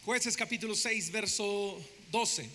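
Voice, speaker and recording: Preacher guy, sharp bright tone, dramatic sermon, quiet hiss behind. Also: sits high, takes it slowly, in a large hall. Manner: dramatic, asks the congregation questions. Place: church sanctuary.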